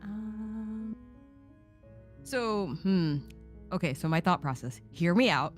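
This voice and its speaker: A woman's voice: mid-range voice, expressive, takes it slowly, faint music behind. A woman doing casual gameplay commentary with a playful, theatrical way of talking. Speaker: game player.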